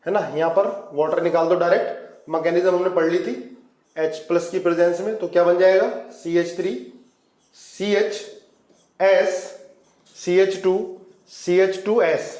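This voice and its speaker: A man's voice: sits high, fairly even intonation, a little slow, long pauses, darkish tone, reverberant, poor audio. A man teaching a chemistry lecture at a whiteboard, coaxing students and calling them "beta" as he walks through reaction mechanisms. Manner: coaxing, calls students "beta", asks them to follow along.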